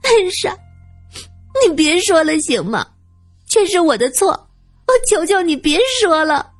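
A woman's voice: very high voice, big pitch swings, very fast, soft background music, voice pushed up. A woman voicing a timid young woman who pleads meekly, close to tears. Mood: pleading, tearful. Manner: pleading and meek. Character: timid, tearful young woman, easily frightened.

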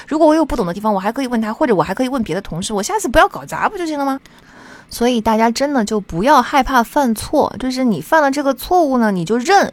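A woman hosting her own podcast, speaking quickly with a bright, fairly high voice that swings widely in pitch. She talks in a chatty, earnest manner, scattering soft particles through her advice. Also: dry recording. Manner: chatty, uses many soft sentence particles. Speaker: podcast host. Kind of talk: solo podcast talk on psychology.

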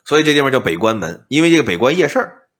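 A man telling an old ghost story on a podcast, explaining details in an animated, comic patter. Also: mid-range voice, racing. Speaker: storyteller, co-host.

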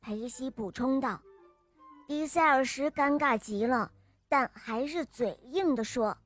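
A woman narrating a children's story about toy trains in a lively, friendly voice, as the show's regular storyteller. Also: sits high, measured pace, soft background music.

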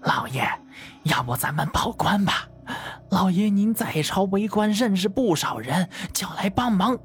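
A woman's voice: expressive, measured pace, faint music behind, natural voice. A woman voicing a wailing old noblewoman. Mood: pleading. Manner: wailing, high-strung pleading. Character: grieving elderly noblewoman, shrill and tearful. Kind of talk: audio drama acting.

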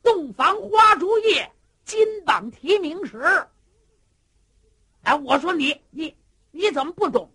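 A woman storyteller voicing a bluff, jovial older male general who coaxes and lectures loudly. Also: very high-pitched, animated, takes it slowly, long pauses, voice pushed up, full character voice. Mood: coaxing. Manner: hearty, coaxing, loud.

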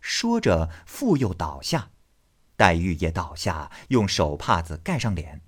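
Lively male storyteller. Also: sits low, unhurried, slightly rough. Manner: expressive, lively voicing. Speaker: narrator. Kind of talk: storytelling narration.

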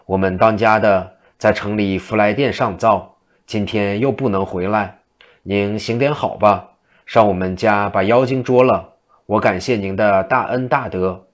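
A man's voice: fairly low pitch, fairly even intonation, unhurried, natural voice. A man voicing a seductive female demon who poses as a frightened wife and speaks in a pleading, coaxing way.

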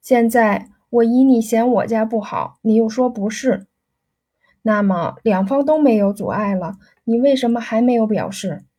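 A woman's voice: fairly high pitch, moderate pace, mellow. A woman voicing an insistent young rich man who keeps pressing a girl for an answer, pleading and pushy.

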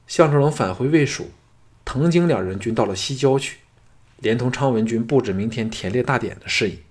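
A man narrating a martial-arts fantasy novel as an audiobook, in a steady storytelling voice. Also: mid-range voice, a little fast.

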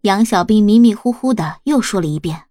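A woman reads a storybook aloud, her voice steady and calm at a middle pitch. She keeps an even, unhurried narrating tone throughout. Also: no room sound, clean studio sound, faint music behind. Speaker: audiobook narrator.

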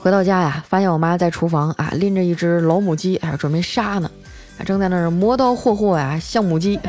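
A woman's voice: lowish voice, fairly quick, a little mellow. Young female storyteller, chatty comic delivery, music bed underneath. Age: young adult. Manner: chatty, many filler particles. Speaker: comedy storyteller.

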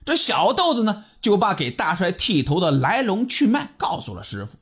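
A male storyteller narrates with a high, lively voice that rises and falls dramatically. He acts out the whole tale with energy. Soft music plays quietly beneath him. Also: normal speed, husky. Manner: animated and dramatic, voicing every character.

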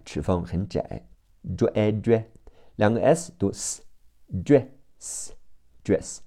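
A man with a background teaches English phonics in a very slow, deliberate way. His voice sits a little low, and he spells words out letter by letter before repeating each one carefully. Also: darkish tone. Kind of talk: phonics vocabulary lesson.

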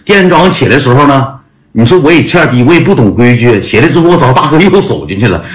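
Casual storytelling to an audience: a man speaks fast in a sing-song, medium-pitched voice, blunt and slangy, laughing as he goes. Background music accompanies him.

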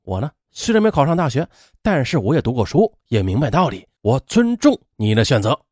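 A man voicing a proud, poor young village man who speaks in a measured, restrained way. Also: mid-range voice, very animated, darkish tone, slightly rough, no echo, clean studio sound. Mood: resigned.

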